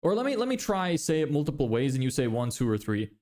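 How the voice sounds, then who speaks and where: Speaking fast in a fairly high, darkish voice, this young man from Lithuania is very animated as he livestreams with an American-sounding English accent. He reads comments from viewers, pokes fun at himself, curses offhandedly and laughs a lot, all while building a business.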